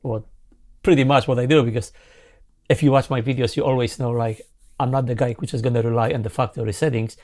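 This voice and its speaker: Speaking English as a second language, this man in his forties is a sound designer demonstrating a synthesizer plugin, hosting a laid-back tutorial with eager but halting speech. His pitch sits in the middle and his tone stays steady. The setting is a small home music studio indoors, with loud synth music running beneath his voice.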